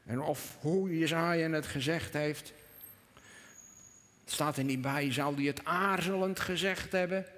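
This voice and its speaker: A middle-aged man preaches to his congregation, earnest and sometimes emphatic, sometimes hushed. His voice sits a bit high. Long reverb from the church hall trails behind his words. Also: fairly even intonation, a little slow. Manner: earnest, rising to emphatic peaks, dropping to a hush on quoted prayers. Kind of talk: sermon.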